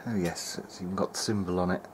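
A deep-voiced man with fairly even intonation and a quick pace hosts a casual electronics demonstration at an indoor workbench. He is a hobbyist repairer, thinking out loud hesitantly. Clear background noise comes from the workshop room.

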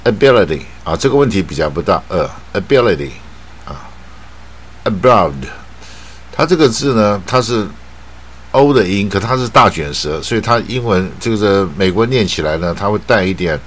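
A man with a Taiwanese Mandarin accent teaching an English pronunciation lesson, drawing out model words slowly and dotting his talk with filler particles. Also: lowish voice, animated, fairly bright tone, slight background noise.

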